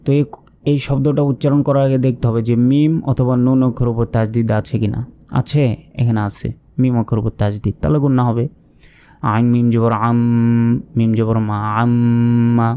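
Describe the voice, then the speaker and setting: A man teaching Quran reading in Bengali, slowly spelling out letter by letter and asking his own questions before he answers them. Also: mid-range voice, steady tone, dark tone. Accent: Bangladeshi Bengali. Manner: patient, spells syllables aloud and asks himself questions. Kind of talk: slow spelling-out lesson.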